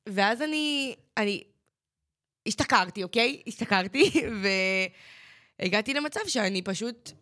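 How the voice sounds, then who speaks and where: A woman's voice: a little high, no room sound, clean studio sound. A teenage girl, a podcast co-host, telling a personal story in casual chat, acting out what people said and filling her talk with "like". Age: teens. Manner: animated storytelling that acts out quoted voices, with lots of "like".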